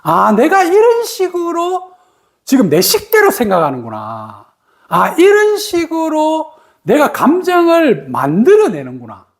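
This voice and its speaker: A woman's voice: high voice, huge pitch swings, a little slow. A woman giving a meditation talk, explaining patiently with everyday examples and asking the listeners rhetorical questions. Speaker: meditation teacher. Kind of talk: spoken meditation teaching.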